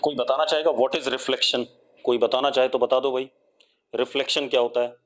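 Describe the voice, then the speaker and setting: A man with an Indian accent runs a live physics class online, drawing students out with repeated questions and dictating definitions at a slow pace. He speaks at a medium pitch with fairly even intonation.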